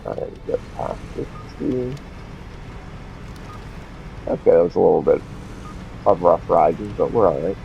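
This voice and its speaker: A man's voice: low voice, lively intonation, unhurried, creaky, pauses often, a little hiss or hum. A man streaming a game live, rambling and talking to himself as he plays. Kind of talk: casual live gameplay commentary. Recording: dull lo-fi stream audio.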